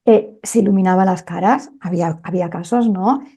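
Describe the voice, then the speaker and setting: A woman doctor recounts a memory from her work in an interview. Her voice is gravelly and mellow, and she speaks conversationally with frequent fillers. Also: medium pitch, fairly quick. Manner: conversational storytelling with many fillers. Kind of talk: telling a personal story in an interview.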